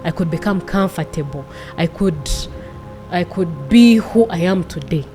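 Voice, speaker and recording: A woman's voice: lowish voice, animated, normal speed, mellow. Young woman, earnest, repeats herself for emphasis, faint music behind. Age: 20s. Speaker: guest. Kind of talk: emotional personal storytelling.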